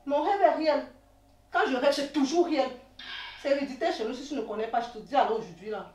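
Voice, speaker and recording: A woman with a Cameroonian accent playing a jealous girlfriend who shouts and accuses in a comedy sketch. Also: high-pitched, fast talker, heavy background noise, close to an everyday voice. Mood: agitated. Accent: Cameroonian French. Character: jealous young woman, hotheaded and insistent. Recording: echoey room, mic far off.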